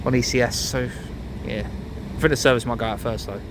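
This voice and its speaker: A man's voice: medium pitch, fairly even intonation, fairly quick. A man giving casual, off-the-cuff trainspotting commentary. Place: outdoor railway station platform. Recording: outdoor station with clear train noise.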